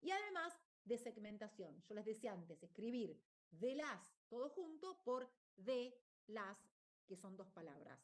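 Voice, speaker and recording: A woman's voice: on the high side, very animated, moderate pace, hardly any pauses. A woman teacher, explaining a lesson and often checking in with her listeners. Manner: explanatory, checks in with "¿está bien?". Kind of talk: online lecture.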